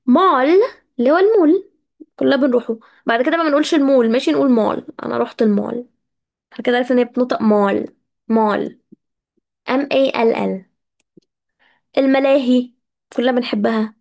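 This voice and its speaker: An Egyptian woman with a high, creaky, slightly mellow voice and an Egyptian Arabic accent teaches English in a casual live vocabulary lesson. She is chatty, speaks directly to her students, and repeats English words slowly to drill their pronunciation.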